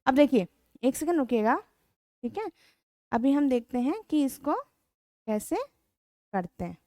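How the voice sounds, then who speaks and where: Indian woman tutor, high-pitched, dry recording, chatty code-mixed vocab lesson. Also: expressive, unhurried, dark tone, dry recording. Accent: Indian English. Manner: Hindi-English code-mixing, addresses students as beta; rhetorical questions with "है ना?" tags. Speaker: English vocabulary teacher. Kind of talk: online exam-prep class.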